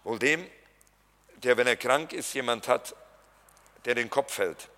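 A man's voice: medium pitch, a little slow, bright, forceful tone. A man preaching a sermon as pastor, colloquial and jokey, talking straight to his congregation. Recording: reverberant hall.

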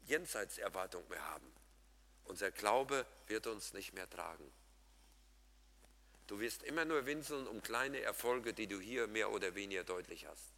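A man preaching a lively, humorous sermon, speaking directly to his congregation and swinging between loud emphatic lines and soft quiet ones. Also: mid-range voice, long reverb tail.

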